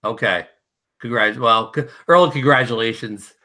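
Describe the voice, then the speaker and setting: A man's voice: mid-range voice, moderate pace, bright, forceful tone. A man of nearly sixty co-hosting an online chat, talking hesitantly with stammers and correcting small details. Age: 50s. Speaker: co-host.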